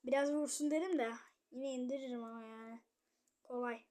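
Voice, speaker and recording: A young woman casually commenting on her gameplay, muttering to herself and then shouting at opponents. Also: high voice, fairly even intonation, fairly quick. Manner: chatty, swings between muttering and loud outbursts at opponents. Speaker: gamer streamer.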